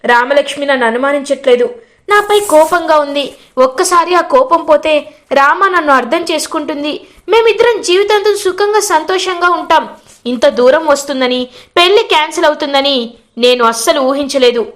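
A woman's voice: sits high, lively intonation, moderate pace. A woman voicing a brooding young hero. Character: young man, angry hero brooding over love.

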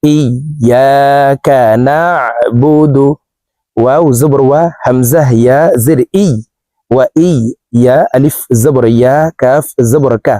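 A man teaching Quran recitation, spelling out each syllable and then chanting the words slowly and drawn out. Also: mid-range voice, fairly even intonation, dark tone, no room sound. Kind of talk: letter-by-letter recitation lesson.

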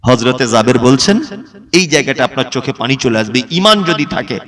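A male preacher with a West Bengal accent telling a sermon story with drama, swinging from hushed low passages to high impassioned cries. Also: expressive, moderate pace. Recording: echoey hall with long reverb.

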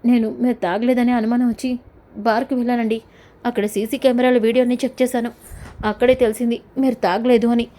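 Storybook role: an apologetic young wife, mellow and fairly high, read by a woman narrator. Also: little pitch movement, quick pace, natural voice. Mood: remorseful. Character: young wife, remorseful and tearful.

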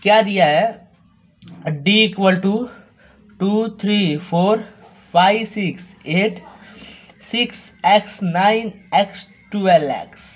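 A man's voice: high voice, slow pace, long pauses. A man teaching math, talking through each step in a chatty way and asking the class rhetorical questions. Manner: chatty, asks rhetorical questions, repeats words. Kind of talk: explaining math steps on a board. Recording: tinny phone-like audio.

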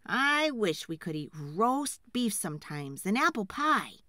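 A woman voicing a poor, tired adult male woodcutter in a children's storybook, speaking loudly and earnestly. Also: mid-range voice, big pitch swings, a little slow, dry recording, clean studio sound. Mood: wishful.

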